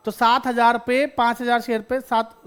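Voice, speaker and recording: A man's voice: very high voice, level tone, normal speed, a bit bright, smooth. A man teaching a class, who keeps asking his students questions, answers them himself, and calls them "beta". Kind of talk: classroom lecture.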